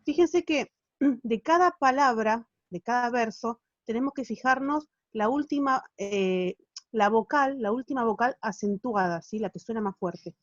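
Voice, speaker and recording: A woman teaches over a video call, her voice a little high and her tone patient. She keeps checking in with her students as she explains. The audio is dry and somewhat dull, like a laptop call. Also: unhurried, dry recording. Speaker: literature teacher. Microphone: phone or laptop on a video call.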